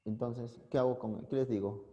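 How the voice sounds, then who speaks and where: A man's voice: mid-range voice, steady tone, moderate pace, warm tone, dull audio. A man teaching a philosophy class online, constantly quizzing his students and coaxing answers from them. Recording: long reverb, echoey room.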